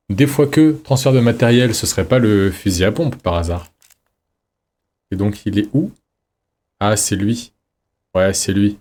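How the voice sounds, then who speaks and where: Low, mellow-voiced man streaming. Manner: chatty, reads in-game notes aloud, jokey asides. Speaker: streamer playing a horror game. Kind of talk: casual let's-play commentary.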